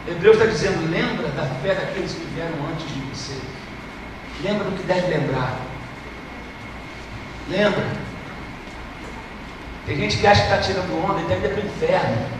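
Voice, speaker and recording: High-voiced Brazilian pastor preaching in an echoey hall. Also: male voice. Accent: Brazilian Portuguese. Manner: impassioned, swings from hushed storytelling to shouting. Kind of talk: sermon. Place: church service. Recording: echoey hall from far off, noisy.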